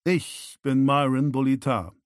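A man voicing a wry, quick-witted adult man in an audiobook, dry and ironic. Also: mid-range voice, steady tone, no room sound, close to an everyday voice.

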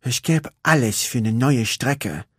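A man's voice: mid-range voice, a little slow, husky, no echo, studio quality. A man reading a storybook aloud, voicing a spirited, sassy young girl racer who talks in a cheeky, impatient way. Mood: restless.

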